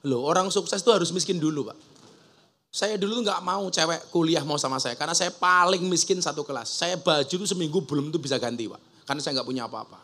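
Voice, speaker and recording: A man's voice: on the high side, fast, bright, forceful tone. A man preaching a humorous public sermon, joking and punchy, firing off rhetorical questions to the crowd. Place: outdoor gathering at a boarding school.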